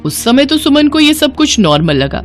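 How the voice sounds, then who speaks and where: A woman reading a scripted storybook narration with an even storytelling delivery. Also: high-pitched, normal speed, faint music behind.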